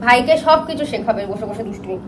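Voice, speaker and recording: A woman's voice: on the high side, expressive, quick pace, noisy background. Chatty woman home vlogger. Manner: chatty, addresses viewers directly, drops to hushed talk near sleeping pets. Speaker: vlogger and pet owner. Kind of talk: casual home vlog chat. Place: home indoors.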